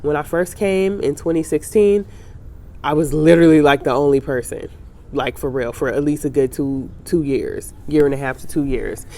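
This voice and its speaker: In a reflective, casual vlog, a travel vlogger in her thirties speaks to camera with many fillers and restarts. A sinus cold she is recovering from leaves her voice congested and nasal. Otherwise it is deep and warm, at a normal speed.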